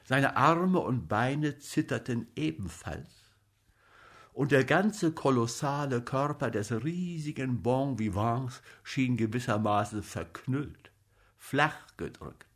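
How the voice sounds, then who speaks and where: A man narrating a story as an audiobook reader in a slow, lively way. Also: mid-range voice.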